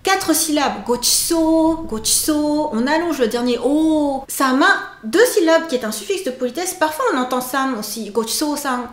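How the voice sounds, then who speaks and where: A woman teaching a casual video lesson, playful and expressive, stretching out her sample words. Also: sits high, normal speed, hardly any pauses, reverberant. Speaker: Japanese language teacher.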